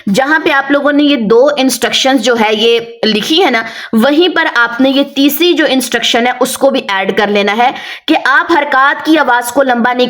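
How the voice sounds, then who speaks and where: A woman with a Pakistani Urdu accent, teaching a Quran reading lesson and patiently drilling syllables, slowly and with repetition. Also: on the high side, fairly bright tone. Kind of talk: step-by-step recitation lesson.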